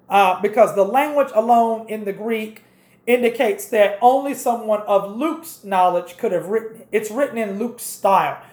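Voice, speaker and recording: Female preacher, methodical sermon delivery, slightly high-pitched, reverberant room. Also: a little mellow. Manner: repeats scripture references, directive and explanatory.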